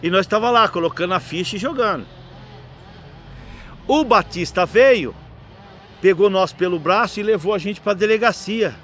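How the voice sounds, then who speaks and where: A middle-aged man, telling stories as a podcast guest in a lively, slangy way. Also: sits high, moderate pace, pauses often, a little hiss or hum. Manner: lively, slangy, animated storyteller. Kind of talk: casual anecdotal storytelling.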